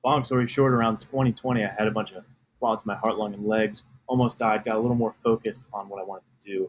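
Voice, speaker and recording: Brief: deep-ish young male author, eager storyteller, dull remote audio with faint hiss. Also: steady tone, quick pace. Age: 20s. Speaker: author guest. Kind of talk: casual podcast interview.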